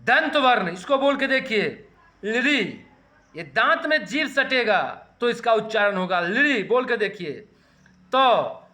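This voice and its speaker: A man teaching a grammar lesson, slowly sounding out letters and urging students to practise saying them. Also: very high voice, expressive, pushed and bright. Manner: slow, deliberate, sounding out letters for students to repeat.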